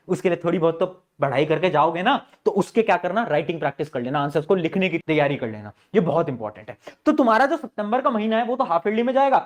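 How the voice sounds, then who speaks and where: A man with a high voice talks students through a study plan like a teacher, asking a question and answering it himself. He is informal and direct and calls them "beta". His delivery stays coaxing and plain, aimed straight at the class. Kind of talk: study-planning advice to students.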